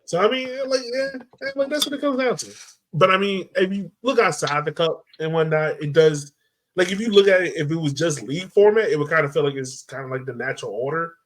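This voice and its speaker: A podcast host leads a casual soccer discussion, speaking informally and conversationally and frequently asking questions. His voice is on the high side, expressive and brisk.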